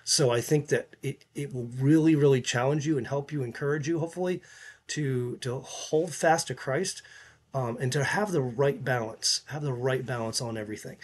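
Halting, earnest man commenting on video. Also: medium pitch, slightly rough. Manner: halting, many fillers and restarts; earnest, recommending. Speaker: YouTube channel host.

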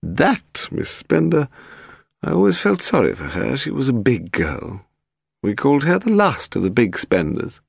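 A man reading an audiobook voicing a frail, sharp-tongued aristocratic woman in her eighties with a high, imperious voice. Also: wildly swooping pitch, a little slow, vocal fry, slightly rough, no room sound, studio quality, exaggerated voice. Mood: malicious. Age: 80s.

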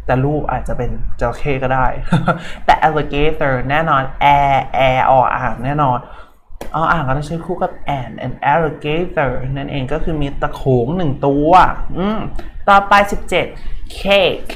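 Slow, playful English tutor. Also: medium pitch, fairly bright tone, a little hiss or hum. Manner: playful, repeats each word slowly, jokes and chuckles; affectionate, big-sibling tone. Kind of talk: casual recorded English lesson for kids.

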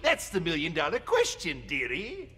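An actor playing a gleeful, mocking villain clown with sadistic wit and a theatrical, teasing delivery in a video game. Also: male voice, fairly high pitch, huge pitch swings, normal speed, heavy background noise. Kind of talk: video game character dialogue.

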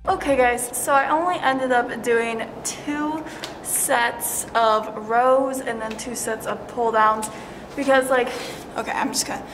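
A woman's voice: a little high, fairly even intonation, takes it slowly, background noise. Giggly young woman vlogging casually. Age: young adult. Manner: rambling, many fillers like "like" and "yeah", giggly. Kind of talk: casual vlog chat. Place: dorm room, then a small campus gym. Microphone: phone or camera set up nearby.

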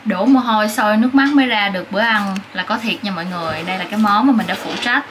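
A vlogger in her twenties with a southern Vietnamese accent chats playfully with viewers from the kitchen and living room of her small apartment. Her medium-pitched voice moves very fast, and household noise comes through clearly.

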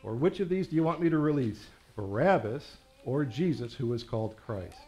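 A man's voice: mid-range voice, expressive, moderate pace, darkish tone, close to an everyday voice. A man reading the part of an anxious, exasperated Roman governor during a church scripture reading, with pressing, raised questions. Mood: pleading.

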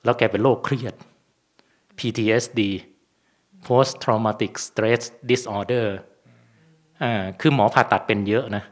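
At a temple, a Buddhist monk gives a relaxed Dharma talk in an easy, conversational way, often checking in with rhetorical questions. His voice sits at an ordinary middle pitch for a man. He takes it slowly and pauses often.

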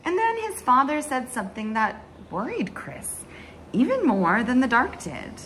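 A young woman hosts story time for kids, reading a picture book aloud in a small, bright room at home with a bit of background noise. Her high-sitting voice is super expressive and slow, dramatic, full of drawn-out words and hushed asides.

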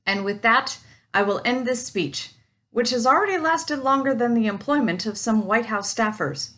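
A woman in her forties, running for party treasurer, reads a prepared campaign speech sprinkled with dry jokes. Her voice is a little high, expressive, and a bit bright, at a moderate pace. She's recorded on a webcam at her desk in a home office.

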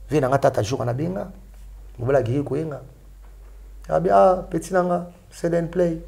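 A man in casual, animated chat, mixing French and Lingala. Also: fairly high pitch, creaky.

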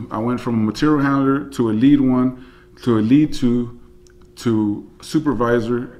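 A man in his forties, a senior supervisor, speaking in a measured, reflective way in a seated office interview. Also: on the low side, darkish tone. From United States. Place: office with flag and plant.

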